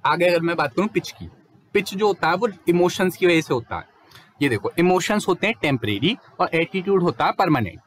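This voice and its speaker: A young man giving a casual, fluent lecture as a teacher, explaining quickly and mixing in English terms. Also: a little high, slight background noise.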